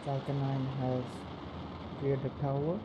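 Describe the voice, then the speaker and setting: A man giving live technical commentary as a launch webcast host, with halting, measured phrasing. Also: medium pitch, monotone, dull audio, heavy background noise.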